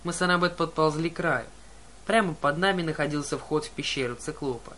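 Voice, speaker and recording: A man narrating an audiobook in a lively first-person storytelling manner. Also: on the high side, a little fast, a little hiss or hum. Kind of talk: audiobook reading.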